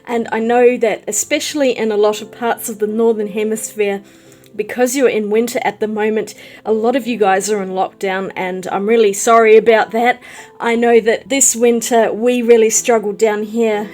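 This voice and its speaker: A woman's voice: a little high, fairly even intonation, moderate pace, a little mellow. A woman, chatting casually in a voice-over while she paints. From New Zealand. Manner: chatty, friendly and rambling. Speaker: watercolour artist and YouTuber.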